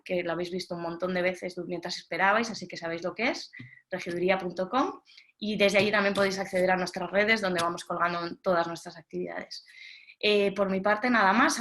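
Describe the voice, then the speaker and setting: A woman's voice: medium pitch, sharp tone. A woman with a Spain accent, hosting an online workshop with an informal spoken introduction. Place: video call.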